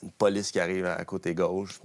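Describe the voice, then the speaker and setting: A man with a fairly low voice and a Quebec French accent tells a casual anecdote as a podcast guest. He speaks like a lively storyteller, often stopping mid-phrase to restart and correct himself. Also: moderate pace. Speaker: guest, professional golfer.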